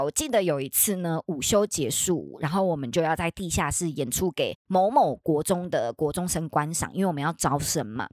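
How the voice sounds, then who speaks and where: A young woman with a Taiwanese Mandarin accent, hosting a podcast and telling ghost stories casually from her bedroom, with dramatic jumps into high, excited exclamations. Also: no room sound, clean studio sound. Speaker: podcast host. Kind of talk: casual storytelling.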